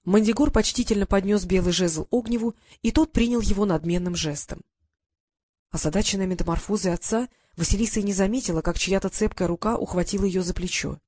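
Even fantasy audiobook narrator, mid-pitched, dry booth sound. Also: a little fast, dry recording. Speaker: audiobook reader.

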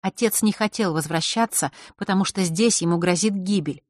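A man voicing a stubborn, quick-tempered teenage girl in an audiobook, talking in a raised, indignant voice. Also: sits high, dry recording, studio quality, natural voice. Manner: indignant, defensive.

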